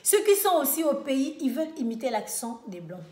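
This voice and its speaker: A woman's voice: high voice, big pitch swings, normal speed, darkish tone, echoey room. A woman from the Republic of the Congo with a Brazzaville French accent, delivering an indignant monologue full of rhetorical questions. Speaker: vlogger. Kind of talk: impassioned direct-to-camera monologue.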